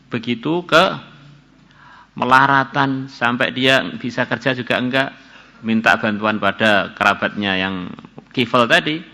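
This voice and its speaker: A man's voice: mid-range voice, creaky, bright, forceful tone. An older man from Indonesia, preaching and explaining Arabic text in a religious class. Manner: reads Arabic phrases then paraphrases them, acts out dialogue in a raised voice. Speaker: kyai teaching a religious class.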